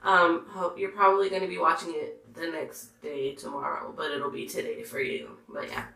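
A hoarse, congested woman talking in a chatty, gushing way, reviewing makeup. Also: lowish voice, moderate pace, roomy sound, background noise. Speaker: beauty vlogger. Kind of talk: casual makeup review chat.

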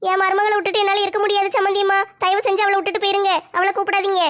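A woman's voice: very high-pitched, little pitch movement, rapid-fire, fairly bright tone. A woman playing a doting, tearful mother-in-law in a comedy skit, fretting and pleading with a southern Tamil Nadu accent. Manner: fretful, pleading.

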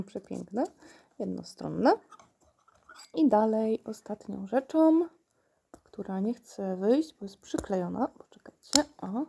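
Slow-talking woman with a gravelly voice. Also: medium pitch, dark tone. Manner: chatty, laughs often, talks to her puppy. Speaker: unboxing vlogger. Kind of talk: casual unboxing chat. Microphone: tablet.

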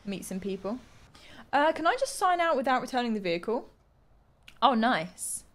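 A woman's voice: a little high, big pitch swings, normal speed, a bit bright. A young woman with an English accent, chatting and thinking aloud as she streams a video game from a close desk mic. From England. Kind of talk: casual live gameplay commentary. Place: small room at home. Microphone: close desk microphone.

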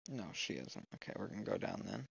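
A man's voice: low-pitched, wildly swooping pitch, quick pace, vocal fry, slightly rough. A man playing a horror game, talking to himself and reading notes aloud with jumpy reactions, on a close mic. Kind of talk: let's play commentary. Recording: dry, slightly muffled lo-fi mic.

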